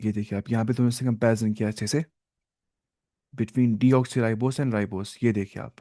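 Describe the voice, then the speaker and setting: A man teaching biology in an online lecture, mixing Hindi and English, slowly explaining and asking questions he answers himself. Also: lowish voice, fairly even intonation, warm tone. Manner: asks the class questions and answers them himself, repeats "ठीक है"; slow, stop-start explaining with fillers.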